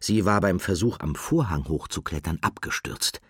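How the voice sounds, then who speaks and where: A man narrating a children's audiobook in a calm, deliberate storytelling manner. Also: sits low, husky, no echo, studio quality.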